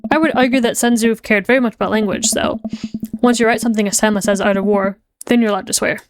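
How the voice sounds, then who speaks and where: A woman reading as a gentle, earnest dad. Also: a little high, fairly even intonation, quick pace, faint music behind, natural voice. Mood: caring. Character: caring middle-aged dad, goofy but earnest. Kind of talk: reading a game aloud on stream.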